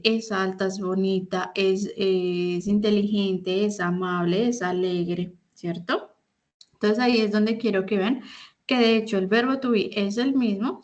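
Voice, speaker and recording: A woman's voice: medium pitch, highs cut off. A woman in her thirties, an English teacher giving an online class, explaining step by step and often checking that her students follow. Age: 30s. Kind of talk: online class instruction in Spanish.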